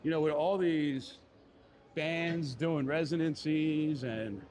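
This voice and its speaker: A man's voice: on the high side, slow pace, darkish tone, a little hiss or hum. A man with a Philadelphia accent, chatting casually on a live stream as he walks a city street, rambling and full of fillers like "you know". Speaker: live-streaming walking vlogger. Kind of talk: casual live-stream chat while walking. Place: outdoors on a busy city street.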